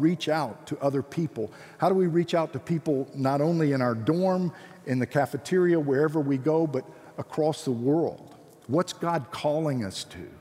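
A man's voice: medium pitch, warm tone. A man with a Georgia Southern accent preaching to students as a guest missionary speaker, earnest, encouraging and plain-spoken. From Georgia, United States. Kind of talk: sermon to students with scripture readings. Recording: echoey hall with long reverb.

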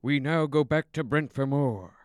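A man playing a smug, blunt TV news anchor with a snarky deadpan delivery in a comedy news spoof. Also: on the high side, moderate pace, smooth, no echo, clean studio sound, close to an everyday voice.

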